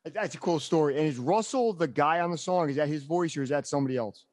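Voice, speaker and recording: A male podcast host with a somewhat high voice keeps the interview relaxed. He asks short, loose questions in an easygoing, conversational way. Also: fast talker. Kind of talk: casual interview chat.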